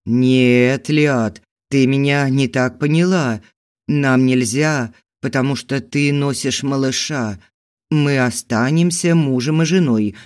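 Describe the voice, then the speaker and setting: A man reading an audiobook, voicing a patient, brooding noble husband in a low, husky, intimate tone. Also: takes it slowly, natural voice. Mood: earnest.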